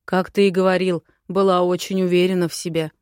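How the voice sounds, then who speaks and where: A woman's voice: on the low side, little pitch movement, a little fast, darkish tone, clean tone, dry recording, lightly acted. Steely male dragon prince, voiced by a woman narrator, firm and cool, dry close read. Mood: calm.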